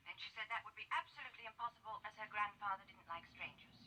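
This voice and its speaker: An actress playing an earnest, worried young history teacher in 1960s television drama, with a prim, precise manner. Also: female voice, medium pitch, fast talker, sharp tone, husky. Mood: troubled. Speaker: schoolteacher. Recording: distant old TV audio with faint hiss.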